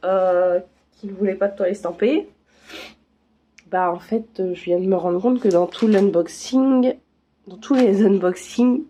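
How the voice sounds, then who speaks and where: A woman chats casually as she unboxes craft kits, her voice mellow and soft-edged. She talks in loose, easygoing runs, stopping often for fillers and restarts. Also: medium pitch. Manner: chatty, many fillers and restarts. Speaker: craft vlogger.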